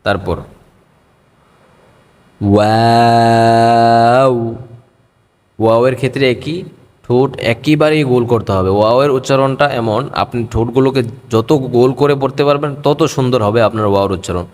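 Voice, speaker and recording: A male teacher giving a patient pronunciation lesson on Arabic letters. He repeats each letter slowly, drawing it out in a half-sung way. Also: mid-range voice, big-room sound.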